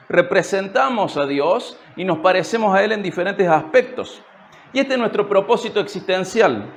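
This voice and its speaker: High-voiced Cordobés preacher. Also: male voice, slight background noise. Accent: Cordobés Argentine Spanish. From Córdoba, Argentina. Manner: asks the congregation rhetorical questions, light humor. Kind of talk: expository sermon. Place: church service.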